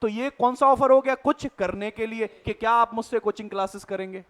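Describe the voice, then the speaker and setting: A man teaching an exam revision lecture, reading definitions out slowly and then explaining quickly, asking the class rhetorical questions. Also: very high voice, fairly even intonation, fairly bright tone.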